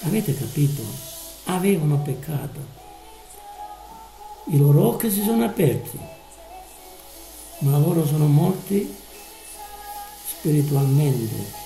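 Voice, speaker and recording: A man preaching a live sermon, slow and emphatic, drawing out his words. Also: fairly high pitch, animated, creaky, dark tone, echoey room, soft background music, rough recording.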